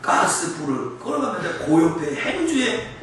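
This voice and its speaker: A man's voice: a little high, normal speed, far from the mic. A male pastor preaching a sermon with humor, telling personal stories and leading the congregation to repeat after him. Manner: lively, humorous storytelling with call-and-response to the congregation. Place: church sanctuary. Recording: echoey church hall, mic from afar, faint noise.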